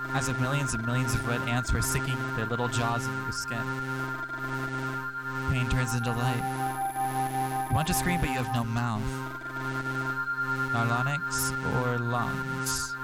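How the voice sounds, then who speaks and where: A man's voice: medium pitch, poor audio. A man streaming a narrative game, reading its text aloud and breaking off for sarcastic, profane asides.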